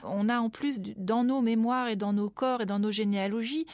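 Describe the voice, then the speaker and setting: A woman researcher and activist explaining ideas in an articulate, measured way during a recorded interview. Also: a little high, fairly even intonation, darkish tone, no room sound.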